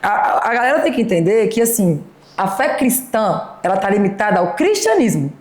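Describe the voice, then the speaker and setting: A woman's voice: medium pitch, big pitch swings, brisk, darkish tone, roomy sound. A woman from Belo Horizonte, a podcast guest giving blunt opinions in casual chat. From Belo Horizonte, Brazil. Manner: outspoken, emphatic, keeps asking 'entendeu?'.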